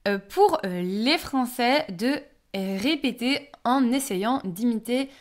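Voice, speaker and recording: A young Belgian woman with a Belgian French accent teaches French in a casual talk to camera. Her voice sits a little high, and she pauses often on drawn-out fillers between phrases. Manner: frequent hesitant "euh" fillers, lively pitch swings.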